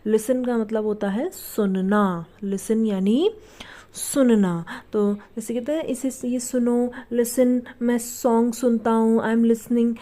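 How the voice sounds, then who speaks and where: Casting: patient woman teacher, unhurried, warm mellow tone, drills each word twice. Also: on the high side, fairly even intonation. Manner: patient, repeats each word and asks it back. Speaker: English teacher. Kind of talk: spelling and explaining words for learners.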